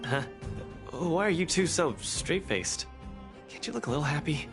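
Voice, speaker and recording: A man's voice: on the high side, normal speed, close to an everyday voice. A man voicing a boastful young fighter. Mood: upbeat. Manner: energetic, showy, eager. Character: eager young male fighter, boastful, upbeat. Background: game music.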